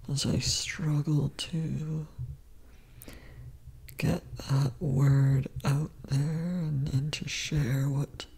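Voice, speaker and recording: A young man speaking in a sleepy ASMR voice, in a breathy whisper, halting and repeating words. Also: on the high side, darkish tone, rough recording. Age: young adult.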